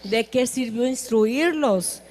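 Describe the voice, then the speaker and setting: Brief: Mexican woman preacher, slow, deliberate delivery, echoing church hall. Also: on the high side, darkish tone. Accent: Mexican Spanish. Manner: earnest, questioning the congregation. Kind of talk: sermon. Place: church auditorium. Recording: long hall reverb.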